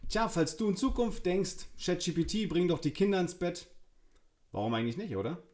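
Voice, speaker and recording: A man's voice: high voice, lively intonation, a little fast, darkish tone. A man hosting a demo video, enthusiastically giving spoken commands and commenting on the results. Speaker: host. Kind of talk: tech demo presentation.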